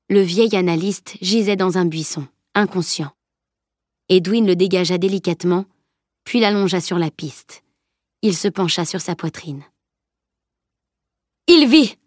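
A woman's voice: lowish voice, steady tone, moderate pace, darkish tone, dry recording. Woman narrating an audiobook, dry.

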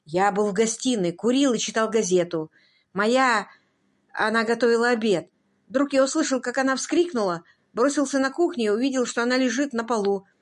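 A woman's voice: a little high, fairly quick, natural voice. A woman voicing a frantic, grief-stricken husband who cries out his pleas in an audiobook reading. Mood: shaken. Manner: shrieking, sobbing pleas. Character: frantic grieving tall husband, hysterical.

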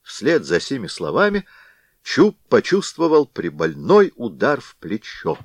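A man reading a classic tale aloud with expressive storytelling. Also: medium pitch, a little slow, no room sound. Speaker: narrator. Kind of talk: audiobook narration.

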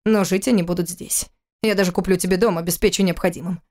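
A woman's voice: on the low side, fairly even intonation, fast, darkish tone, close to an everyday voice. Contemptuous angry husband, read by a woman. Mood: cold, harsh. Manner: harsh, contemptuous, clipped. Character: cold, furious husband, adult man. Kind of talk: audiobook character reading.

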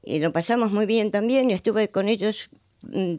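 An older woman from Argentina with an Argentine accent, telling her story in a radio interview in an animated way and acting out the voices she quotes. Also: mid-range voice, normal speed, no room sound, studio quality. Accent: Argentine Spanish. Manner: animated, acts out quoted voices, keeps asking "comprendes". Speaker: singer, guest.

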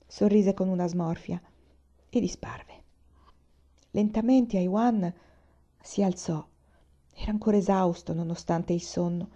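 Mellow-voiced woman reading a novel aloud. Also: lowish voice. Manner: measured, expressive reading with slow pauses. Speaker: audiobook reader. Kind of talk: literary audiobook narration. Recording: dull lo-fi sound.

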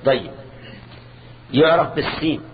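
An older man teaching grammar in a classroom lesson, measured and repetitive, quizzing his students. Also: on the high side, expressive. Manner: measured, repeats key terms, quizzes students. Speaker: sheikh teaching Arabic grammar. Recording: dull lo-fi old lesson tape, faint hiss.

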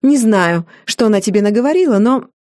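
A woman's voice: on the high side, lively intonation, brisk, darkish tone, natural voice. A woman voicing a haughty, imperious older society matriarch in a storybook reading. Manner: cold, imperious.

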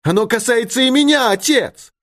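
A man's voice: very high-pitched, moderate pace, fairly bright tone, no room sound, studio quality, pitched above the performer's own voice. A man voicing a spirited, indignant young woman in an audiobook, impassioned and pleading. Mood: pleading, crying out. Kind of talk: audiobook character reading.

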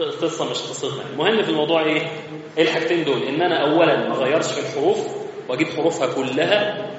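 An Egyptian man with a fairly high voice gives a conversational religious lesson and explains each point step by step. His voice carries a long reverb from a large mosque hall. The recording is slightly muffled, with faint room noise underneath. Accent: Egyptian Arabic. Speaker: religious teacher.

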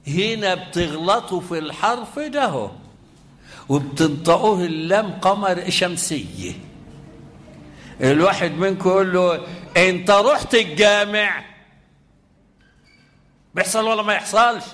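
High-voiced Egyptian Quran teacher quizzing. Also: male voice, animated, fairly bright tone. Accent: Egyptian Arabic. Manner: quizzing students, chanting Quran examples slowly. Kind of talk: lively tajweed lesson with students.

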